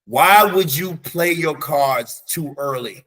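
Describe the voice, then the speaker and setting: Bright, lively man talking football. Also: fairly high pitch, slow. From United States. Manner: animated, slangy, rattles off stats. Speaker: sports podcast co-host; teacher. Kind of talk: casual sports chat.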